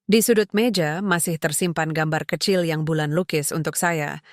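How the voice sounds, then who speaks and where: A woman narrating a scripted first-person story in a calm, measured way. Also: low voice, dry recording, studio quality.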